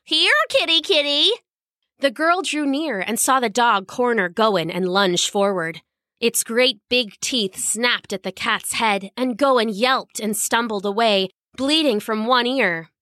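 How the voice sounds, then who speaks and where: A woman narrating a children's storybook in an expressive, lively reading. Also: a little high, unhurried, dry recording, clean studio sound.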